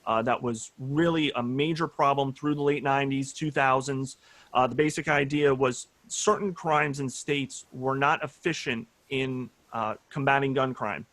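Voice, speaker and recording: A man's voice: medium pitch, normal speed, a bit bright, no room sound. A man in his thirties, a judicial candidate, answering forum questions earnestly with many "uh" fillers over a video call.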